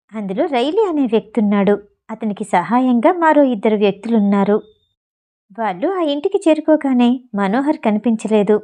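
Woman reading a novel aloud, steady storytelling, kinda high voice, soft mellow tone. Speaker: audiobook narrator. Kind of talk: scripted audio novel narration.

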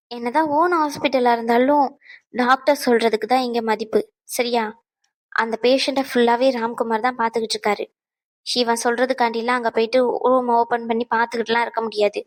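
Woman playing strict cartoon doctor, firm and lecturing, highish voice. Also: fairly even intonation, brisk, natural voice, poor audio. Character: stern female doctor insisting on hospital rules. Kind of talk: cartoon dubbing.

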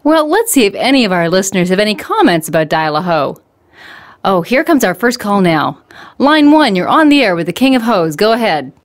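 A woman speaking as a smooth radio host, introducing guests and taking calls in a comedic call-in sketch. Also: mid-range voice, big pitch swings, a little fast.

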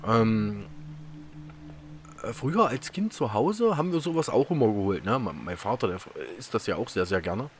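A man's voice: lowish voice, very animated, moderate pace, a little hiss or hum. Man, German accent, casual gameplay chatter, filler-heavy, faint ambience behind. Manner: rambling, chatty storytelling with many fillers and laughs. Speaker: gaming YouTuber. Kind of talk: casual let's-play commentary.

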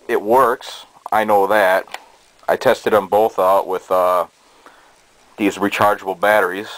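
In a small, cluttered bedroom, a hobbyist presenter gives a casual show-and-tell of his collected gadgets. His low-pitched voice is halting and relaxed, and the rough, amateur audio from a handheld camera's built-in mic has steady noise.

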